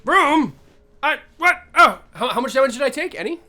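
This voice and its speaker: A man's voice: very high-pitched, big pitch swings, moderate pace, sharp tone. A man chatting casually as a player in a tabletop game, stammering, self-deprecating and sweary. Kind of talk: casual improvised game chat.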